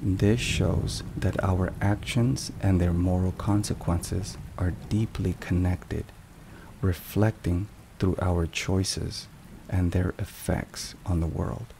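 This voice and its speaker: Whispering a scripted devotional piece for ASMR, a low-voiced man speaks slowly, deliberately and in measured, hushed tones, with some vocal fry. Behind him, a thunderstorm and steady rain run throughout the recording.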